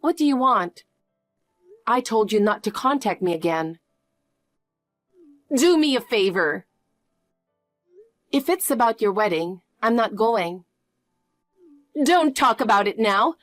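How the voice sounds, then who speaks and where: A woman's voice: fairly high pitch, lively intonation, takes it slowly, long pauses, no room sound, faint music behind. Woman playing a cold, curt young woman. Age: young adult. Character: cold, firm young woman, estranged daughter. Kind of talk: animated story voice.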